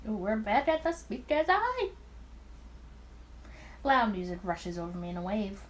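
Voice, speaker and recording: Over some background noise, a woman reads a visual novel aloud and adds her own commentary, like a let's player. Her medium-pitched voice is animated and a little slow, and she reads expressively while stumbling and rereading lines.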